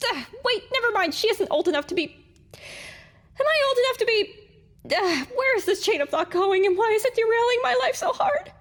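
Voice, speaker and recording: A woman's voice: very high-pitched, animated, normal speed, pitched above the performer's own voice. A woman reading an audiobook, voicing a young heroine mare whose inner thoughts ramble and mock herself. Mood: flustered. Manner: rambling, self-mocking inner monologue. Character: young heroine mare, wandering wasteland survivor. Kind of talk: audiobook character voice.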